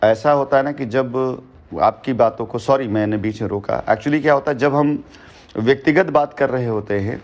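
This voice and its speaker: Heard over the phone in a recording, this man talks at a moderate pace with a medium-pitched voice. He goes on at length, forcefully and verbosely, restating phrases for emphasis.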